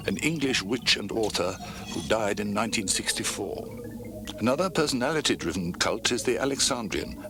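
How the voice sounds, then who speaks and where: A man narrating a documentary in a dramatic, scripted way with slow ominous pauses, heard from an old VHS tape. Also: fairly low pitch. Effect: old VHS tape sound. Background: music.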